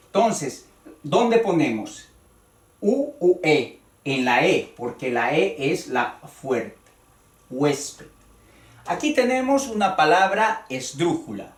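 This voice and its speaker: A man teaching a grammar lesson, slow and deliberate, repeating key words as he explains. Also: fairly high pitch, recorded from a distance. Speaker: Spanish teacher. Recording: roomy sound from away from the mic.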